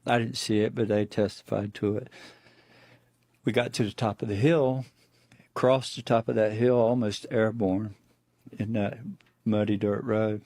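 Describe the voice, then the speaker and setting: A man's voice: lowish voice, fairly even intonation, a little slow, long pauses, a little mellow, no echo. A middle-aged man, a guest on the show, recounting a personal encounter in plainspoken storytelling full of restarts. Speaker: eyewitness guest.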